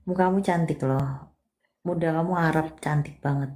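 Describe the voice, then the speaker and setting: Woman, low register, live palm reader; gentle, coaxing, endearments, half-whispered. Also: fairly even intonation, moderate pace. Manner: soft, coaxing, calls the listener darling; mixes English words into her talk. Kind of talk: live one-on-one reading.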